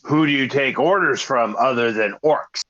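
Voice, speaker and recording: A man playing a tabletop game, talking in a slow, deliberate way. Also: medium pitch, sharp tone, highs cut off. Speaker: player.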